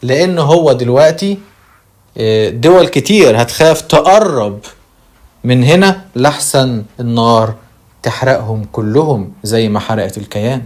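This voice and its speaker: A man with an Egyptian Arabic accent hosting a channel, giving emphatic commentary on news quotes and slowing down to stress key words. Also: medium pitch, animated, a little mellow. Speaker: channel host.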